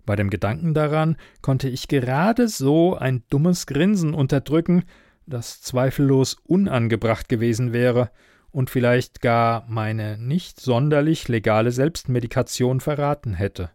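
A man reads a first-person story aloud in a wry, even manner. His voice sits at a middle pitch and sounds close and dry, with no room echo. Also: unhurried. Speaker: audiobook narrator. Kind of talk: scripted first-person narration.

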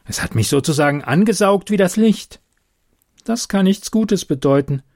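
A man's voice: high voice, expressive, normal speed, a little mellow, no echo, clean studio sound, pitched above the performer's own voice. A man voicing Eddie, a boy who loves horror stories and teases in a creepy whisper. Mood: uneasy.

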